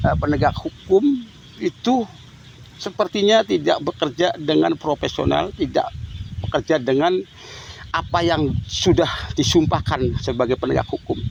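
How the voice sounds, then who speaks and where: A man's voice: on the high side, creaky, noisy background. A grieving middle-aged father making an impassioned, pleading public appeal to the authorities, repeating himself and addressing them respectfully over and over. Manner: pleading, repetitive, ends phrases with "Pak".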